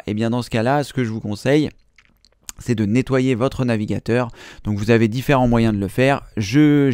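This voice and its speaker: Explaining step by step and patiently using fillers, a computer training host in his thirties presents a screen-recorded tutorial. He has a mid-range, slightly mellow voice, recorded at studio quality with no room sound.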